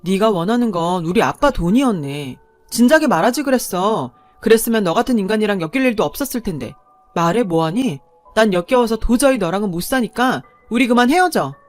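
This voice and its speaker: A woman's voice: a little high, sing-song, a little fast, darkish tone, faint music behind. A woman voicing a hurt, indignant pregnant young wife confronting her husband. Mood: disgusted. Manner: pleading, then indignant.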